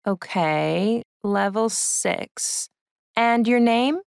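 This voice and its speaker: A woman playing a smooth polite clerk. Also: a little high, dry recording, studio quality. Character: polite female clerk signing up students. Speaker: registration clerk in a textbook dialogue. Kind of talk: scripted textbook dialogue.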